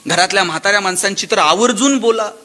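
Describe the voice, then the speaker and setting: A man giving a motivational public lecture, telling stories and voicing the people in them, swinging between loud exclamations and soft asides. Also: high voice, fast talker. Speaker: motivational speaker.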